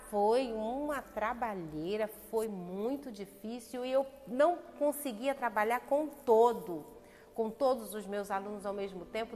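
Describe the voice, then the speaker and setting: A woman's voice: fairly high pitch, darkish tone. Reflective woman speaking with long reverb. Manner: reflective, tells a personal story to explain a point. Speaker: church devotional speaker, former schoolteacher. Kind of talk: personal devotional talk. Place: church. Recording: long reverb with faint background music.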